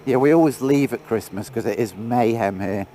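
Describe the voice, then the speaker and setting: Heard through an action camera mounted on his moving motorbike, a man with a stuffy head cold chats and jokes as he rides. His mid-range voice is warm and moderately paced, and the audio carries a little hiss or hum.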